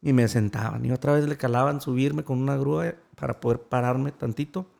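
Guy, gravelly voice, telling his story earnestly in an interview. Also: mid-range voice, brisk, darkish tone. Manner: earnest, emotional retelling with quoted voices. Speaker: interview guest.

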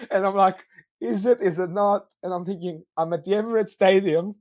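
A young man from Greece, a guest on a football podcast, telling a story in a lively, laughing way. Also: high voice, moderate pace. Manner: animated, laughs through his story. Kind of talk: casual storytelling chat.

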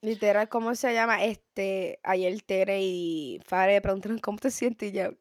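A woman's voice: mid-range voice, steady tone, measured pace, no echo, studio quality. A woman in her twenties with a Puerto Rican accent, co-hosting a podcast in informal, slangy, casual chat. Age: 20s. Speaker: podcast co-host.

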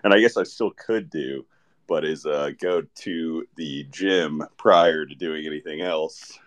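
A man hosting a casual live audio chat from a festival, relaxed and rambling. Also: a bass voice, a little slow. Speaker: host. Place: festival event in Austin.

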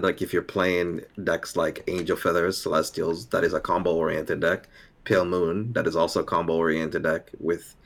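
A man's voice: deep voice, a bit bright. A man co-hosting a podcast about a card game, talking casually with frequent fillers and restarts, and slipping into mock-sarcastic asides. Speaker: podcast co-host. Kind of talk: casual chat.

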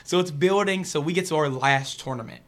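A young man from the Pittsburgh area, a podcast guest, telling a story in an animated, casual way and acting out the voices of people he quotes. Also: on the high side, brisk.

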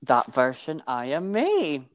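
A man's voice: a little high, huge pitch swings, takes it slowly. Sassy Scottish drag queen guest. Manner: sassy, playful, enthusiastic. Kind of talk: casual chat.

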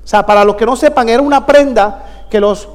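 Male pastor, very high voice, fervent sermon delivery, long hall reverb. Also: brisk, darkish tone. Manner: fervent, calls out to the congregation.

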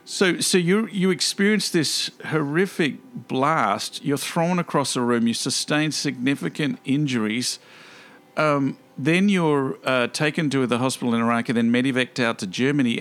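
A man's voice: on the high side, expressive, moderate pace. A man hosting an interview, affirming and admiring toward his guest. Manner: warm, admiring, affirming listener. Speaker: podcast host, interviewer. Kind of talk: interview conversation.

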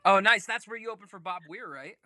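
A man hosting a casual interview, asking quick questions with enthusiastic reactions. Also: high-pitched, lively intonation, sharp tone, dry recording. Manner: upbeat, enthusiastic rapid-fire questions. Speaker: podcast host.

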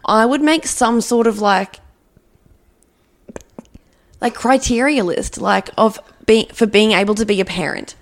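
A woman's voice: a little high, measured pace, long pauses. Blunt woman in her twenties. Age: 20s. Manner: blunt, swears freely. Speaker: podcast co-host. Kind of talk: casual chat.

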